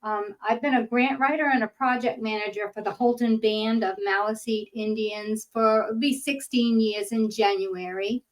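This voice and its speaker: Speaking a little high, at normal speed with few pauses and fairly even intonation, this older northern Maine woman with a Boston accent presents a grant-writing webinar. She's chatty and fills her speech with ums and uhs; the webinar mic recording is low quality.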